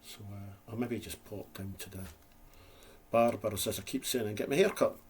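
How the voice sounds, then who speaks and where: A man's voice: on the low side, moderate pace. A Scottish man vlogging in a casual, rambling, self-deprecating chat to camera, with a slight lisp. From Scotland.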